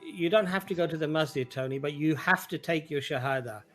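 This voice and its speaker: A man hosting a call-in show, explaining calmly and patiently. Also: a little high, brisk. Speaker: host.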